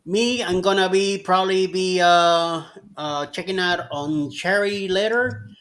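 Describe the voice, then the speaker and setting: A man's voice: sits high, unhurried, fairly bright tone. A man co-hosting a live chat, reading out a schedule with many hesitant fillers. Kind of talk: casual chat.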